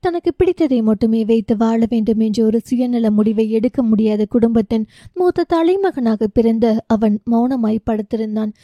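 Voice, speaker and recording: A woman's voice: a little high, normal speed, dark tone, no room sound, muffled recording. A woman narrating an emotional family novel as an audiobook, voicing the dialogue lightly in her own voice. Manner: reads all parts in her own voice, barely shifting for characters.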